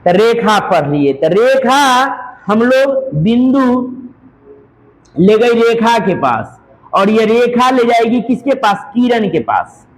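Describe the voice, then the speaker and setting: A man's voice: very high voice, big pitch swings, low-quality recording. A man teaching a math class in with a flavour, dictating notes phrase by phrase, repeating each line and answering his own questions. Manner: repeats each phrase slowly for students to copy; asks questions and answers them himself.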